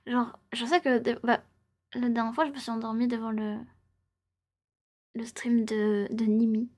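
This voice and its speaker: This woman in her twenties is a live streamer whose chatter is casual and playful, often in a gentle, breathy ASMR whisper with repeated phrases. She talks a little slowly in a slightly high voice with a flat delivery.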